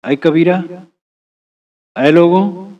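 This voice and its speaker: A man's voice: high-pitched, very slow, muffled recording. A man giving a religious discourse, reciting verses and explaining them phrase by phrase in an earnest, exhorting way. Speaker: spiritual teacher.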